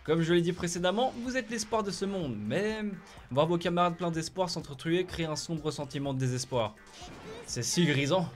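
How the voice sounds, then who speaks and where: A man's voice: on the high side, expressive, normal speed, faint music behind, natural voice. Monokuma, as a man puts him on, a gleeful robot bear. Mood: gleeful menace. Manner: sing-song, theatrical, taunting. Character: mocking robot bear headmaster, cruel and gleeful.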